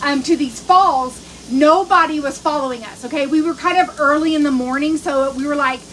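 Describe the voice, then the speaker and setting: A woman's voice: high voice, normal speed, fairly bright tone, a little hiss or hum, low-quality recording. A middle-aged woman, telling a rambling story in a casual cooking vlog, full of fillers and restarts. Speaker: cooking vlogger.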